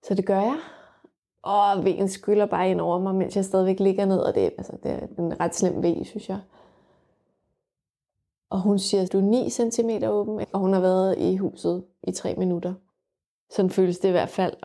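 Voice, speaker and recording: Young adult woman, frank personal storyteller, mellow warm tone, some fillers. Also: mid-range voice, steady tone, vocal fry. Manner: vivid, frank and reflective, with frequent fillers. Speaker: mother telling her birth story.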